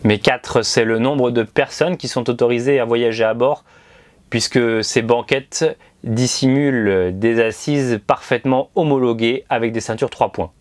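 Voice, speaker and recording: Wearing a lapel mic, a man in his thirties presents a scripted motorhome review with precise, presenter-style delivery, first inside the motorhome and then outdoors by the roadside. His voice is medium-pitched, steady in tone and a little slow.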